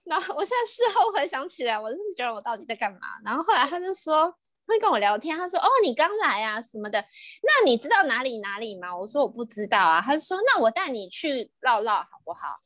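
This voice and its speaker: Lively young Taiwanese woman telling stories. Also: high-pitched, fast talker, no echo, studio quality. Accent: Taiwanese Mandarin. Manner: animated, laughing often, mixing in English words. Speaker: podcast co-host. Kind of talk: casual storytelling chat.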